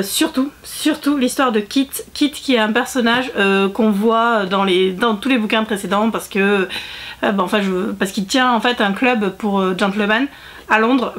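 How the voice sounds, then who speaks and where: A woman book vlogger chatting casually to her viewers, talkative, with frequent fillers and self-corrections. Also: medium pitch. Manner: chatty, full of fillers and restarts. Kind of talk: casual chat to camera.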